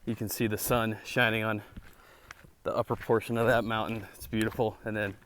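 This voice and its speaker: A man's voice: lowish voice, little pitch movement, fairly quick, a bit bright, slight background noise. A man talking in a casual, rambling vlog style, informal and reflective, thinking aloud outdoors on a hiking trail. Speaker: vlogger and boot reviewer.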